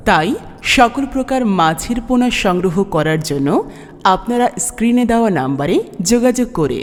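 A woman's voice: a little high, animated, brisk. Woman announcing over a ringing PA. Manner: clear, persuasive sales delivery. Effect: echoing announcement as if over a PA loudspeaker. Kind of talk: promotional loudspeaker announcement. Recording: long hall reverb.

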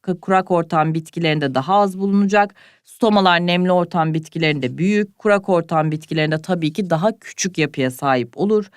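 A woman's voice: lowish voice, clean tone, no room sound, studio quality. A woman teacher giving an online exam-prep biology lesson, calling her students "young people" and speaking as the plant in the first person.

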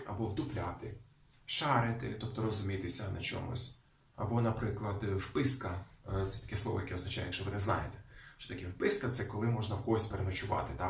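Man explaining word origins in an echoey room. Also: mid-range voice. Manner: explanatory, addresses viewers with rhetorical questions. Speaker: language history presenter. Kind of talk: educational explanation. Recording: echoey room, voice a bit far from mic.

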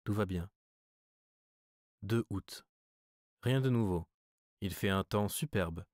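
Low-voiced male audiobook narrator. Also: a little mellow, no echo, studio quality. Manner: measured, literary reading. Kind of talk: scripted narration.

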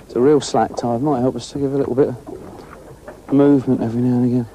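A man's voice: mid-range voice, fairly quick, muffled recording, a little hiss or hum. Chatty man fishing on a boat. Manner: chatty, excitable, talks while fishing. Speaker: angling show host. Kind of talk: casual on-location commentary. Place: outdoors on a boat at sea.

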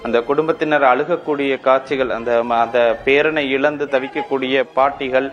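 A man reporting live as a field news reporter in formal language, halting and repeating his phrases. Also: medium pitch, steady tone, fairly bright tone, dull audio.

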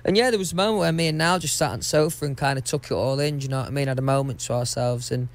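A man from England, answering interview questions in a reflective, relaxed way. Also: medium pitch, rapid-fire. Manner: reflective, relaxed, hesitant with fillers. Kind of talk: casual interview talk.

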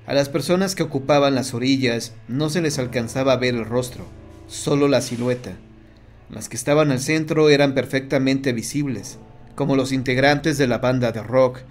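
A man reading a horror audiobook in a steady, measured storytelling voice. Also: medium pitch. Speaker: narrator. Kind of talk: scripted audiobook narration.

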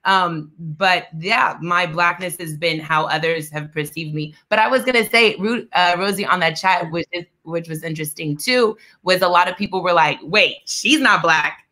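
A woman's voice: lowish voice, normal speed, hardly any pauses, sharp tone. A woman from Texas speaking reflectively and casually on a video call. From United States, Texas. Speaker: panelist, dancer. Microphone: laptop mic on video call.

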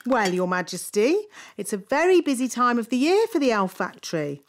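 Bossy fairy nanny. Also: female voice, fairly high pitch, big pitch swings, a little hiss or hum. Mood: matter-of-fact. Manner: brisk, matter-of-fact.

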